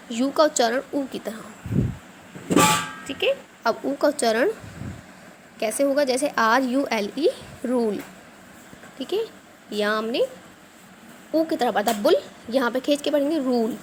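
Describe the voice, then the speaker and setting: A woman's voice: a little high, a little mellow. Indian woman teacher, patient, quizzes herself aloud, light hiss in the background. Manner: patient, asks questions and answers them herself. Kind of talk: online phonics lesson for children.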